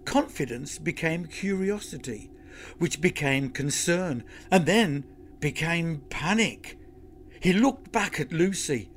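A man narrating a children's adventure story in a lively, expressive reading. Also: a little high, takes it slowly, slight background noise.

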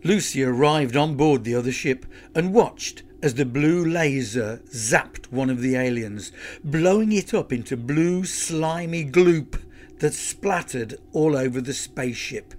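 Slow, expressive male storyteller. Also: medium pitch, a little hiss or hum. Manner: lively, expressive reading. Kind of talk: storybook narration.

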